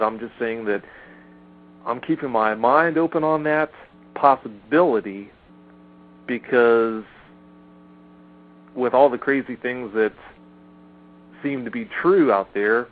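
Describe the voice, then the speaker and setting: A man hosting a casual interview, calm and reflective, asking short questions. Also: medium pitch. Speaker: podcast host. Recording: tinny phone-like sound.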